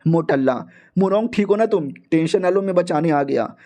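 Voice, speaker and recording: Brief: a smug young hero, lower and laid-back, teasing, played by a male narrator. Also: moderate pace, mellow, lightly acted. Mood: cocky.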